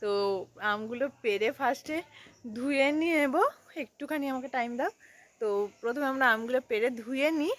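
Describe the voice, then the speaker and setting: A young woman hosts her own vlog, talking straight to her viewers in a lively, chatty way. Her voice sits high and sounds bright and forward. She is recorded outdoors on a sunny rooftop. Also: brisk. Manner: lively, addresses viewers as friends. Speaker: vlogger.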